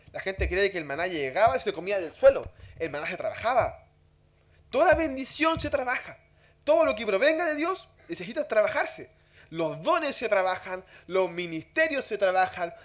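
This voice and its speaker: Here a high-pitched man teaches a church Bible class in a conversational manner, repeating words often and throwing out rhetorical questions as he goes.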